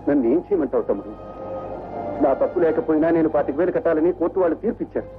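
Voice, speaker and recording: An actor playing a downcast elder brother who speaks low and resigned. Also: male voice, very animated, racing, vocal fry. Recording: phone-like old film soundtrack with music.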